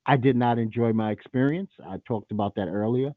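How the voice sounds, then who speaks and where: A man's voice: mid-range voice, fairly quick, no room sound, narrow, tinny audio. A man hosting a call-in show, talking in a blunt, profane and opinionated way. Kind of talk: casual call-in radio talk.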